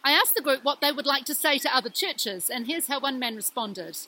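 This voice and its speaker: A woman talking earnestly and reflectively to a laptop outdoors beside a rushing river. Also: high voice, animated, sharp tone, rough recording. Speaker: student presenter of a video reflection. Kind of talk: informal talk to camera with quotes and prayer. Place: outdoors in snowy woods beside a rushing mountain stream. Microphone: laptop microphone. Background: rushing river water and birds.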